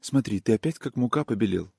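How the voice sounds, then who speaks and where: A man voicing a tender, melancholy young peasant woman in an audiobook reading, with a soft, soothing, singsong manner. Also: lowish voice, expressive, quick pace, gravelly, husky, no room sound, clean studio sound, full character voice.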